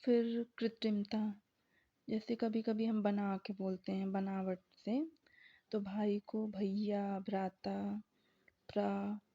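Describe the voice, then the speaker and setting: A woman's voice: medium pitch, warm tone. A woman teacher giving an exam revision lecture, reading out terms and examples one by one. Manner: slow, deliberate, reading out lists of examples. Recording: dull lo-fi recording.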